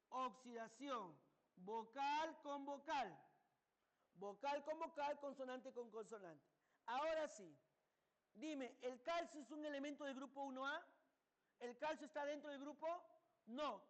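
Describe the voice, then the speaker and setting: A male chemistry teacher lecturing a class, asking students questions and answering them himself. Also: very high-pitched.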